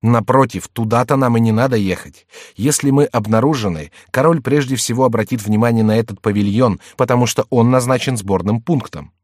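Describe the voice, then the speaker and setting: A man's voice: medium pitch, fairly quick, a little mellow, no echo, clean studio sound, lightly acted. A man voicing an earnest, stubborn young nobleman who insists on his view.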